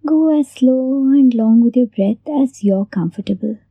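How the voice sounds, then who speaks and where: A woman hosting a guided meditation in a soft, breathy near-whisper, gently giving unhurried instructions with long pauses. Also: on the high side, no echo, narrow, tinny audio. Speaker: meditation host.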